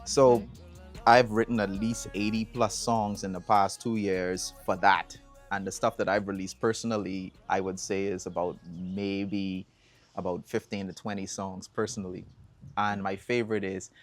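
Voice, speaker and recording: A Bahamian man telling stories as an interview guest, relaxed and chatty, with bursts of excited whoops. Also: low voice, normal speed, soft background music. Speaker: songwriter and environmental advocate guest. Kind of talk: casual interview answers.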